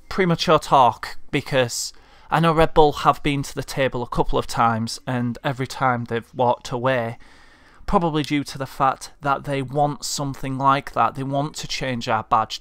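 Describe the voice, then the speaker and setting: A football fan from Leeds, England, speaking with a Leeds Yorkshire accent, vents in a frustrated, heartfelt vlog rant. His mid-range voice is a bit bright and clean-toned, recorded dry, and the talk is an impassioned monologue.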